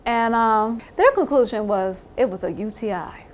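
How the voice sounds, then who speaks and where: A woman's voice: a little high, lively intonation, normal speed, a little hiss or hum. A woman in an interview giving a candid personal account, blunt and emphatic, swearing now and then and laughing wryly.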